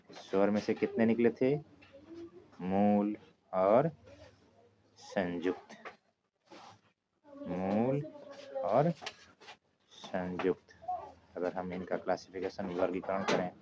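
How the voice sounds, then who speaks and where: A male teacher giving a step-by-step grammar lesson for exam students, often checking in with "okay?" as he goes. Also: deep voice. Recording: dull lo-fi sound with clear background noise.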